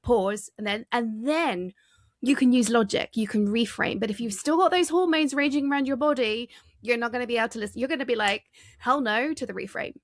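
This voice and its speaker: A woman's voice: fairly high pitch, fairly quick, no room sound, clean studio sound. A woman executive coach speaking as a guest on a podcast, explaining ideas energetically and emphatically. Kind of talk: interview conversation, explaining a framework.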